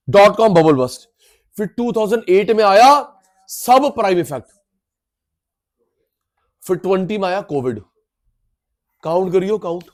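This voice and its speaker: High-voiced male teacher drilling terms. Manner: drills terms by repetition, addresses students directly; playful, mixes in jokes and skits. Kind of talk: classroom lecture.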